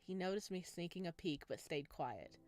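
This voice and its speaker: Low-pitched woman streaming a visual novel. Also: lively intonation, normal speed, darkish tone, faint music behind. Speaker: let's play streamer. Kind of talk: reading visual novel narration aloud with casual commentary. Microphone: wearing headphones.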